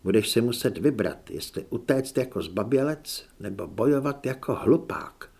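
A man's voice: medium pitch, animated, creaky, a little mellow, breathy edge. A man voicing a blunt, scolding tough young woman.

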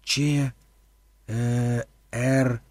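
A male reader voicing an inquisitive male companion who asks questions and exclaims excitedly. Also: mid-range voice, extremely slow, no echo.

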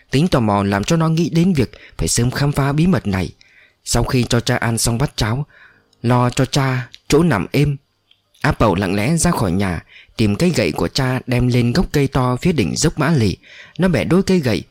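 A man narrating a dramatic story in an expressive reading voice. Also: mid-range voice, no echo.

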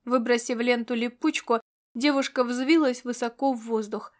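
Woman narrating an audiobook, higher voice. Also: fairly even intonation, moderate pace. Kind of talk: scripted narration.

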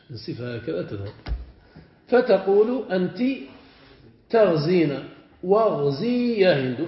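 A fairly high-voiced man plays the role of a sheikh in a grammar lesson, saying every word form repeatedly and stopping to confirm his students understand. The muffled, lo-fi audio carries the echo of a spacious classroom.

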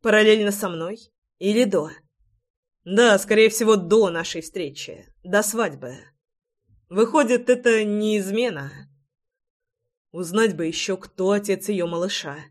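A woman's voice: medium pitch, unhurried. A woman narrating a romance audiobook in the first person, with an emotional, dramatic reading.

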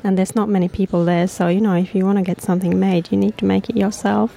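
Woman from Finland, gravelly voice, mellow tone, deadpan filmmaker guest, casual chat. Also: medium pitch, quick pace, slight background noise. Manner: dry, deadpan humor. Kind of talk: casual interview.

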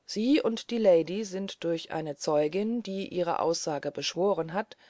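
A woman reading aloud voices a grave, courteous gentleman who speaks in a measured, solemn way. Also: on the low side, dry recording, close to an everyday voice.

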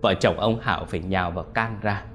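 A man narrating a scripted ghost story in a measured, expressive way. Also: low voice, faint music behind.

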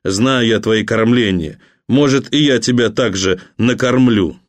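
A man's voice: medium pitch, unhurried, no room sound, close to an everyday voice. A man reading a novel aloud, playing a young thug who threatens in a mocking, casual way. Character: cocky young male thug, menacing but jokey.

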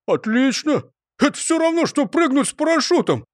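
A man's voice: very high voice, very animated, moderate pace, dry recording, clean studio sound, pitched above the performer's own voice. A man voicing a timid, greedy young man in a storybook reading, pleading and whimpering. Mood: excited.

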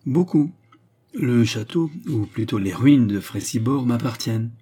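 A man voicing a composed, politely ironic French gentleman in a storybook reading, with a mellow, husky voice. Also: mid-range voice, lively intonation, unhurried. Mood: calm courtesy. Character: calm, courteous French gentleman.

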